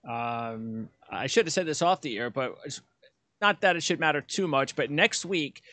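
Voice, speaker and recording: A man's voice: on the high side, expressive, normal speed, sharp tone, no echo. Chatty middle-aged man hosting horse racing chat. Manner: chatty, rambling with restarts. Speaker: podcast host. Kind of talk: casual sports chat. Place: home room, indoors.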